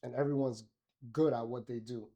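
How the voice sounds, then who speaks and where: In a casual interview, a middle-aged man from Miami, Florida, appears as a podcast guest and talks loosely, often using fillers and starting over. His medium-pitched voice is steady and dark in tone, at a normal speed.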